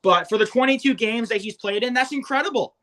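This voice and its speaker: A man's voice: extremely high pitch, fast talker, a bit bright. A young man co-hosting a fantasy baseball podcast, rattling off stats with enthusiasm. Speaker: co-host.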